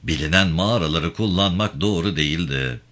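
A man narrating a novel as an audiobook, with measured storytelling and vivid emphasis. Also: deep voice, fairly bright tone.

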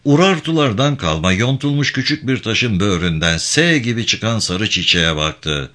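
A man reads a war novel aloud as audiobook narration, with a low, bright voice. His reading is dramatic and expressive, rising and falling widely in pitch. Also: normal speed.

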